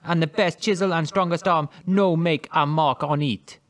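Gruff old rustic boat captain, a podcaster hamming it up, high and loud. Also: male voice, steady tone, moderate pace, natural voice. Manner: clumsy put-on rustic accent, louder and higher.

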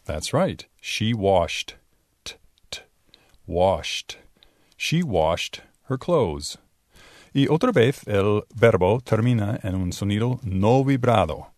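A man teaching English pronunciation in a bilingual lesson, drawing out sounds slowly to demonstrate them. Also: fairly low pitch, lively intonation, darkish tone, no echo, studio quality. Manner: slow, exaggerated demonstration of sounds. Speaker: Spanish-speaking English teacher.

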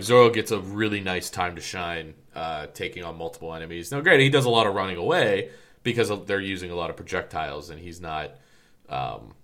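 A man's voice: low-pitched, fairly bright tone. A man co-hosting a casual podcast, rambling with lots of fillers and restarts. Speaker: podcast co-host.

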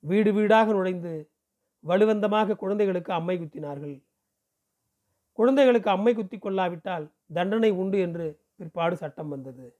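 A man from Pondicherry reading a novel aloud in a steady storytelling delivery. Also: high-pitched, moderate pace, pauses often. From Pondicherry, India. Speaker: audiobook reader.

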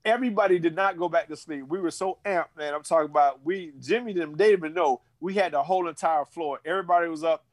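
A man in his fifties tells an old story in a high, lively voice. His delivery is full of slang and repeated words, and he acts out other people's voices as he goes. The recording is dry and close. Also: quick pace, hardly any pauses, no echo. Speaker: guest, former college football player. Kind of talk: animated storytelling.

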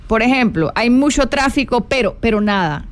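Woman on a live stream, kinda high voice, lots of rhetorical questions and repeats, reads out comments from viewers. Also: moderate pace. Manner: animated, rhetorical questions and repetitions; greets viewers and reads their comments aloud. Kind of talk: casual live chat reflecting on happiness.

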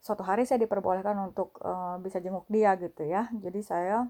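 Woman, warm mellow tone, casual testimony vlog, hesitant and repetitive delivery. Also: medium pitch, steady tone. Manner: halting, many fillers, repeats phrases. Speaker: vlogger sharing a faith testimony.

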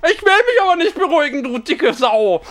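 A man voicing a loud, easily upset grown man called fat Peter, speaking in a high, shrill voice. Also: wildly swooping pitch, normal speed, exaggerated voice. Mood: shouting.

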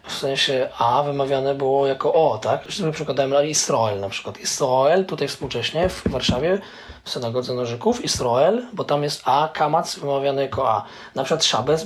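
A man explaining things in an interview, pausing often with filler sounds as he thinks. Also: medium pitch. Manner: hesitant, many filler "e" pauses. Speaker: interviewee, Hebrew scholar. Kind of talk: conversational explanation.

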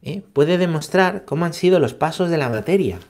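A man's voice: on the high side, moderate pace. Emphatic man from Spain teaching catechesis. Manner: animated and emphatic, with rhetorical questions and frequent tag questions. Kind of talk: catechesis talk on scripture and philosophy.

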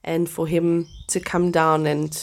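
A woman from the Southern Hemisphere co-hosts a casual faith podcast chat in a low, level voice, speaking a little slowly. She's enthusiastic and laughs often, though her voice sounds a bit stuffy from a cold.

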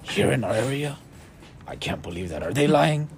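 A man voicing a male dwarf digger who is suspicious and worried, repeating his doubts in a much lower voice than his own. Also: lively intonation, normal speed, a little hiss or hum, natural voice. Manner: anxious and doubtful, repeating himself.

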